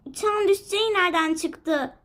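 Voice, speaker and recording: A woman's voice: very high-pitched, normal speed, fairly bright tone. A woman voicing a mother pet in a toy figure video, reassuring but scolding.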